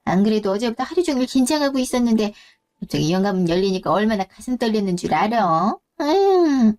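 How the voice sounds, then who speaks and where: A woman's voice: mid-range voice, big pitch swings, brisk, darkish tone, close to an everyday voice. A woman voicing a flustered, fussy middle-aged mother in a story drama. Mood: fussing. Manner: fussy, exclaiming.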